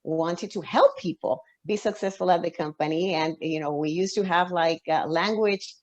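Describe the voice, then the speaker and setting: A woman's voice: lowish voice, normal speed, a little mellow. A woman author, a guest on an interview show, giving long reflective answers full of restarts and fillers.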